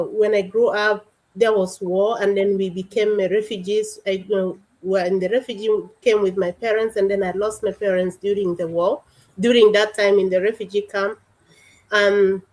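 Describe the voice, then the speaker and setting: A woman's voice: mid-range voice, rough recording. A woman from South Sudan, a guest on an online panel, telling her story in an earnest, heartfelt way over a video call.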